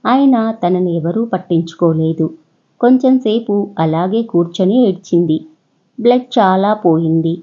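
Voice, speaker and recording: A woman with a Telugu accent narrating a children's story in a steady, even storytelling manner. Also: lowish voice, normal speed, slightly rough, dull audio.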